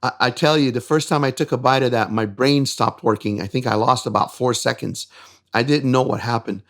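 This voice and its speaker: A man's voice: mid-range voice, fairly quick. Enthusiastic man from Syria telling stories. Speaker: fair food vendor. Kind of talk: casual storytelling.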